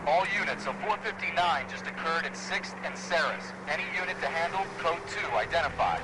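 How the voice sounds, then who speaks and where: An actor playing a brisk, impersonal 1940s police dispatcher over the radio, making formal procedural announcements. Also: male voice, fairly high pitch, lively intonation. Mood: businesslike. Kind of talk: police dispatch in period crime game. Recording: very noisy police radio in car.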